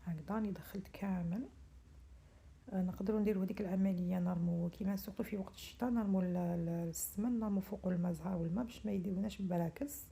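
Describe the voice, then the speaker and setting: Middle-aged Algerian home cook, quick and chatty, dark gravelly tone, quiet half-whispered teaching. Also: female voice, medium pitch, steady tone. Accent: Algerian Arabic. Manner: speaks softly, often half-whispering early in the morning; chatty, instructive, switches into French words. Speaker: home cook selling pastries to order. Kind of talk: cooking tutorial narration.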